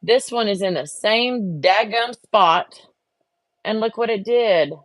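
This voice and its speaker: A woman with a mid-range voice speaks slowly as she chats casually with viewers while working on a craft project, growing frustrated and talking to herself. She's a craft vlogger, and the recording has no echo.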